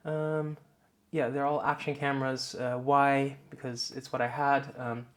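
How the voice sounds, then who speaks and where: This Dutch YouTuber talks casually to the camera from his indoor home office, wearing a wireless clip-on mic. His mid-range voice is unhurried and relaxed, and he rambles through explanations with plenty of filler "uh"s.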